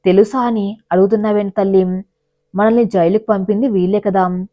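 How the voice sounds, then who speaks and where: Storybook villain, middle-aged man, sneering and threatening, read by a woman narrator, mid pitch, slightly muffled audio. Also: fairly even intonation, brisk, close to an everyday voice. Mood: sneering menace. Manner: mocking and threatening. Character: cruel sneering middle-aged male gangster father.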